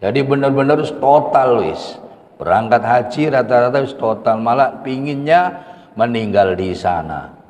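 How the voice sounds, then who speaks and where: A man's voice: mid-range voice, animated, normal speed, darkish tone. A man preaching to a mosque congregation, drawing out Arabic phrases in a chanted tone. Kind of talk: mosque sermon. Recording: echoey mosque hall.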